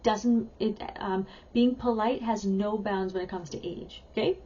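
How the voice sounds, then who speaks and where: Chatty woman teacher, mellow and muffled. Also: mid-range voice, steady tone, unhurried. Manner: upbeat, chatty, leans on key words. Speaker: parenting educator. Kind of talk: talking-head teaching video.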